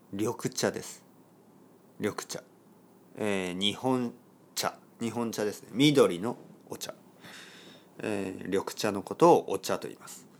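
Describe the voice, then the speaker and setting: A man from Japan hosting a podcast for learners, explaining in simple words and repeating key terms with soft fillers. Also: fairly low pitch. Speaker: podcast host teaching Japanese.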